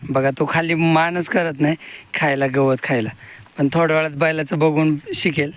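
A man's voice: a little high, steady tone, normal speed. A man, talking casually while filming his farm on a phone and calling out to his animals. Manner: chatty, calls out to animals. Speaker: farmer vlogger. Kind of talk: casual farm vlog narration. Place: outdoors on a farm field. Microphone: phone held while filming. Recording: loud outdoor background noise.

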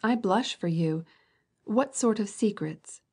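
A woman's voice: mid-range voice, lively intonation, slow, a little mellow, breathy edge, full character voice. A woman reading aloud and voicing a cool, scornful young noblewoman in an audiobook.

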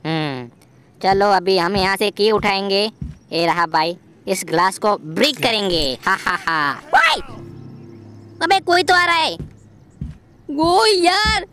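A man voicing an excitable, jokey young male game hero in a playful gameplay voiceover, full of exclamations. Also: high-pitched, takes it slowly, long pauses, faint music behind, full character voice. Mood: excited. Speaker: gameplay commentator voicing a character.

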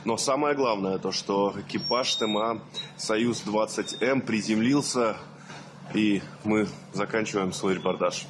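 A man's voice: lowish voice, measured pace. A man in his twenties reporting informally on location, guiding viewers along as a TV news correspondent. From Yaroslavl, Russia. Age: 20s. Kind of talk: on-location video report to camera. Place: inside a control centre hall and corridors. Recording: noisy room ambience.

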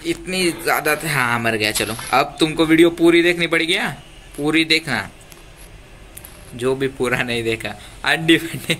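A man's voice: on the high side, normal speed, sharp tone. A man giving casual, joking commentary while playing a game, talking to his viewers. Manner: chatty, joking, pleads with viewers. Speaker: gaming YouTuber. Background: faint ambient noise, passing traffic.

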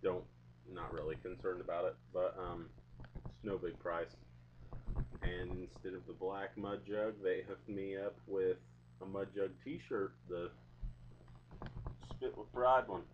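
A young man with a low voice rambles casually to his camera, taking his time between phrases. He talks in laid-back slang, like a home video blogger. The webcam sound is dull, with some hum behind him. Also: steady tone, measured pace, pauses often. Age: young adult. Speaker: video blogger reviewing products. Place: small indoor room at home. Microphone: webcam or laptop mic at arm's length.

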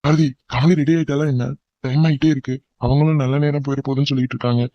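A man's voice: medium pitch, fairly even intonation, no room sound, highs cut off, lightly acted. A man voicing an impatient cartoon father who urges his wife to hurry the bride along. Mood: urging. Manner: hurried, urging.

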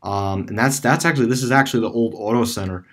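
A man's voice: medium pitch, quick pace, fairly bright tone. A man giving rambling, casual voice-over commentary on a screen-recorded map tour, with many fillers and restarts. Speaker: video creator touring a closed store on street view.

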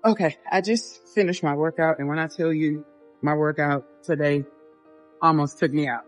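A woman's voice: deep voice, fairly even intonation, moderate pace, faint music behind. A woman in her thirties, a fitness vlogger, chatting to camera in an upbeat, motivational way from a phone at arm's length. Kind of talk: casual vlog talk to camera. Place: gym and parked car.

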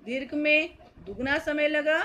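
Female teacher, slow careful explanation, faint background noise. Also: high voice, sharp tone. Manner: slow, careful, repeats key points. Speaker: Hindi grammar teacher. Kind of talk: classroom lesson.

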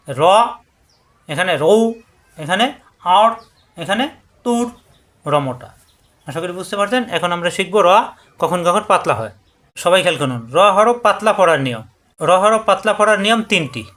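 A man teaching Quran reading rules. He explains step by step, and he drills syllables slowly and over again. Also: high-pitched, fairly bright tone. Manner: slow, repetitive drilling of syllables. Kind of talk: tajweed lesson.

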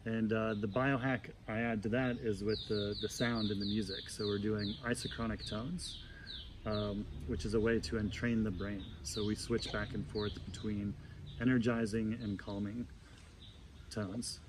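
A man's voice: on the low side, flat delivery, measured pace. A man in his forties explains things casually, like a coach, while sitting immersed in ice-cold water outdoors. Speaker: breathwork and ice bath coach. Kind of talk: casual explanatory talk to camera. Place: outdoor garden, in an ice tub. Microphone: camera a couple of metres away. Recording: outdoor noise with birdsong.

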